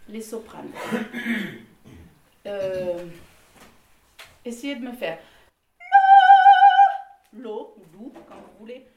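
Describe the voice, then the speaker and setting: Here a woman instructs choir singers on technique, laughing frequently and illustrating points with short snippets of song in a lively manner. Her voice is a little high. A far-off mic in a reverberant room catches her, with noise in the background.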